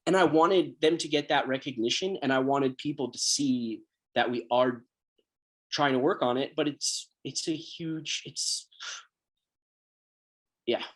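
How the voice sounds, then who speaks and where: A man's voice: medium pitch, a little slow, pauses often, a bit bright. Male filmmaker, blunt and heated, mid-range voice, casual panel talk. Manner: blunt, passionate, repeats words.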